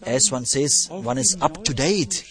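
Slow, emphatic male preacher. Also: mid-range voice, lively intonation, crowd noise. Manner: slow, emphatic, repeats phrases, stresses scripture. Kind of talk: sermon.

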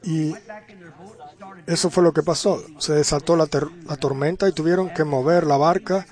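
A man's voice: on the high side, fairly even intonation, a little mellow. A man preaching a sermon, telling a story and putting rhetorical questions to the congregation. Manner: unhurried, with drawn-out pauses.

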